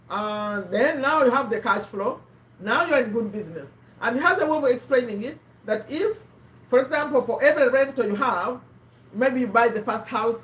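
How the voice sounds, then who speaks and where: A woman's voice: a little high, fairly bright tone, recorded from a distance. Woman explaining in an echoey room. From Uganda. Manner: conversational, quizzes listeners, frequent restarts. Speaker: host of a live book discussion. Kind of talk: casual explanatory talk.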